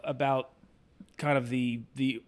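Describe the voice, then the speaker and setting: A man's voice: mid-range voice, slow. A man hosting a podcast, talking casually and loosely with a lot of fillers and restarts. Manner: relaxed, chatty, many fillers and restarts. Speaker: podcast host. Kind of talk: casual conversation.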